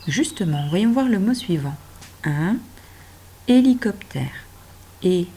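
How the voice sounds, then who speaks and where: A woman teacher gently guiding a child through handwriting and reading, speaking directly to them and stretching words out. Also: on the low side, lively intonation, moderate pace, breathy edge. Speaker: primary school teacher.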